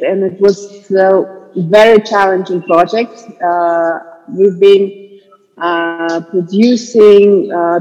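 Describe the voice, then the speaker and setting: A woman's voice: fairly low pitch, darkish tone, in a large hall, muffled recording. A woman from Kazakhstan, an art curator, speaking hesitantly with many fillers as a podcast guest. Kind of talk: podcast interview.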